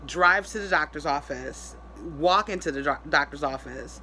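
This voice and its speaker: A woman speaking casually in a vlog update, sounding weary and drained, in pain after surgery, with halting delivery. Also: deep voice, sharp tone, a little hiss or hum. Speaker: vlogger.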